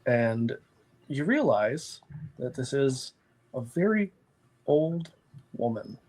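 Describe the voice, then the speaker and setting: A man narrating an improvised tabletop game as game master, descriptive and deliberate. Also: mid-range voice, big pitch swings, a little mellow.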